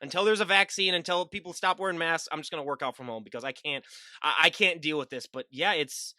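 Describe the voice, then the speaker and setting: A young man hosting a podcast talks quickly and emphatically in a fairly high, bright voice. The sound is dry and close, with no room echo. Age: young adult. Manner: fast, emphatic, with repeated "I mean". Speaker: podcast host. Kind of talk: casual interview chat.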